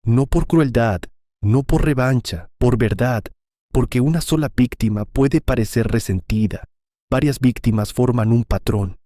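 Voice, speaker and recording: A man narrating a first-person story in a calm, measured way. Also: medium pitch, no room sound, studio quality.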